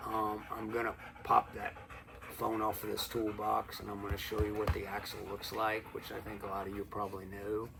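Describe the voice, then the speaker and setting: A middle-aged man talking casually to camera in a calm, unhurried, folksy way, like a plain-spoken motivational teacher. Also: lowish voice, creaky. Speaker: video host and teacher. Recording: some background noise.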